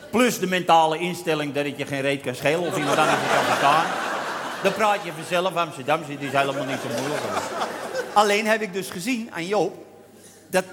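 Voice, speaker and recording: A man telling a humorous story about a pub, imitating drawn-out Amsterdam singing. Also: on the high side, in a large hall, background noise. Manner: lively, imitates Amsterdam singers with drawn-out vowels. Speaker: storyteller on stage.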